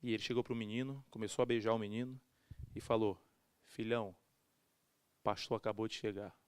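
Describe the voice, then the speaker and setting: A man's voice: fairly low pitch, fairly even intonation, fairly quick, clean tone, no echo. A male pastor preaching a sermon, telling a story with humor and acting out quoted voices. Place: church.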